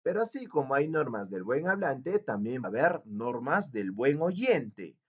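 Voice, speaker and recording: A man teaching a lesson to young children, in a sing-song manner, slowing down to stress key words. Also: mid-range voice, very animated, slightly rough. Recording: dull lo-fi recording.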